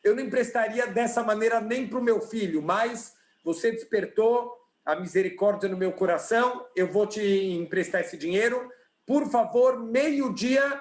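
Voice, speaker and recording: A kind but exasperated rich man scolds an unreliable caller in an indignant tone, put on by a male teacher. His voice runs high. The audio is roomy, from a video call. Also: moderate pace, natural voice.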